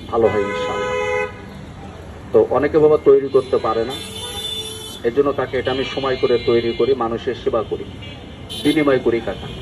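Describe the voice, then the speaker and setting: An older man giving a folksy street sales pitch as a herbal oil vendor, often addressing listeners familiarly. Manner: folksy, repeatedly addresses listeners as uncle and brother. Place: outdoors on a busy street. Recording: noisy outdoor street with traffic.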